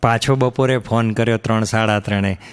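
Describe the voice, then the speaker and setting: A man's voice: steady tone, normal speed, clear, resonant tone. A man doing stand-up storytelling, acting out the people in his jokes with shifts of voice. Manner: acts out quoted characters with shifts in pitch. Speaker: stand-up comedian. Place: live comedy stage before an audience. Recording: hall reverb from a live stage.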